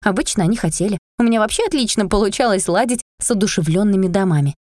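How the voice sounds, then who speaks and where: A woman narrates a first-person fantasy audiobook, lively and expressive, talking fast at a middle pitch. The recording is dry and close, with no room sound at all.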